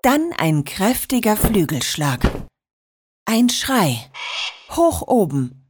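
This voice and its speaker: A woman narrating a children's story in a lively, expressive way. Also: medium pitch, slow pace, background noise.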